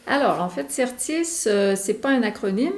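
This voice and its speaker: A woman's voice: a little high, lively intonation, moderate pace. A middle-aged woman from Quebec with a Québécois accent, explaining her work as a guest in a radio interview, hesitant with many fillers and restarts. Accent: Québécois French. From Quebec, Canada. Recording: echoey room.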